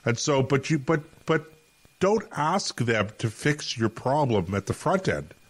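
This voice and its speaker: A man's voice: medium pitch, sing-song, a little slow. A Canadian man co-hosting a talk podcast, telling a rambling anecdote full of restarts and fillers. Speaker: podcast co-host.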